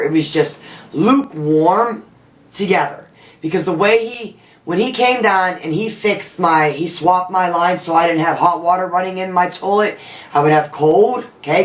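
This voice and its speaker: A low-pitched woman, recorded at a distance with a little background noise, angrily vents in a vlog from her home. The makeup artist and vlogger curses often, her rant profane and fiery, in a room with noticeable echo.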